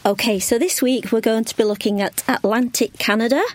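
A woman's voice: a little high, steady tone, fairly quick, no echo. A woman travel agent as a podcast guest, eager and chatty.

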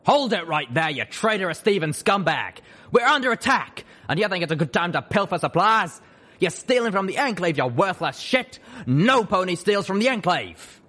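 Man doing an older drill sergeant pony, bellowing, furious, loud, animated. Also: high-pitched, moderate pace, voice pushed up, heavily acted. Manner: shouting, barking insults.

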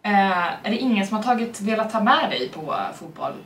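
A woman in casual conversation, speaking in a relaxed way with frequent hesitations. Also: mid-range voice. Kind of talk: casual chat. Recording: roomy and distant with faint noise.

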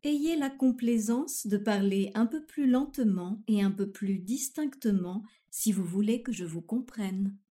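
Woman acting super slow polite lady who never gets it, mellow low-ish tone. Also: close to an everyday voice. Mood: overly polite. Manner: formal, deliberate, fussy politeness. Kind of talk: surreal comic dialogue acting.

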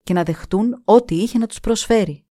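A woman's voice: medium pitch, warm tone, dry recording. Woman reading a story, dry sound. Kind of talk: scripted story narration.

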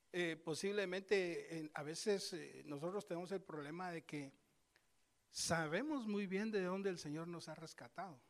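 A male preacher giving a sermon, telling scripture stories with lively asides and speaking straight to his congregation. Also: a little high. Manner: lively storytelling, acts out scripture voices; addresses congregation directly, conversational asides.

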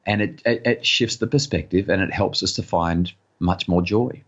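Low, husky man on a dull line. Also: moderate pace. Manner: earnest, repeats words when starting sentences; acts out harried parent voices in higher pitch. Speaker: parenting expert guest. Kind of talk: podcast interview conversation.

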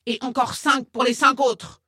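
A woman's voice: high voice, flat delivery, unhurried, pushed and bright, no room sound, clean studio sound, voice pushed up, exaggerated voice. A woman doing a blustering angry wooden man. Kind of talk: storybook reading.

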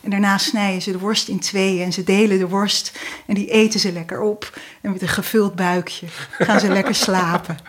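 A woman guest telling a fairy tale in a relaxed, hesitant way with many fillers. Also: mid-range voice, normal speed. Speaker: guest storyteller.

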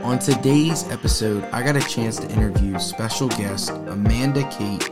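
A man's voice: lowish voice, normal speed, loud music behind the voice. Eager man hosting a podcast. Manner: eager, often repeats words and restarts. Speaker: podcast host. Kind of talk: upbeat podcast intro and interview.

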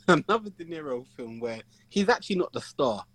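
Husky man talking films. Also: a little high, very animated, moderate pace, a bit bright, dry recording, low-quality recording. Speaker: podcast co-host. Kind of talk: casual film chat.

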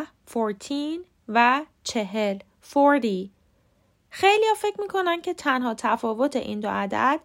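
A woman with a Persian accent, hosting a podcast and giving a scripted English lesson with clear, careful enunciation of example words. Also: on the high side. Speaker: podcast host and English teacher.

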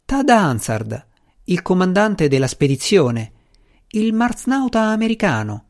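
A man's voice: sits high, big pitch swings, unhurried, voice pushed up, heavily acted. Guy reading as a fed-up insistent official, pushing hard, urgent, audiobook style. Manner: urgent, pressing. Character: frustrated, insistent male space official.

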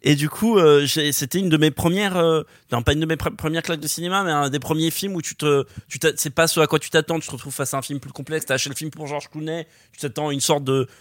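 A man in his thirties chatting on a podcast, quick and rambling, correcting himself as he goes. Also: fairly high pitch, steady tone, no room sound, studio quality. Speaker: co-host. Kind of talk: casual podcast chat.

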